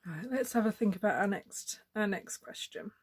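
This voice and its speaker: A woman's voice: medium pitch, expressive, a little fast, breathy edge. A woman chatting casually while she stitches, rambling and thinking aloud with plenty of fillers and restarts. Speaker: cross-stitch vlogger.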